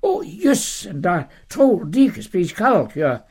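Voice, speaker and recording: A man's voice: high-pitched, huge pitch swings, a little mellow, slightly rough, voice pushed up, heavily acted. A man voicing Sara, a shy, giggly old woman, in a stammering, flustered way.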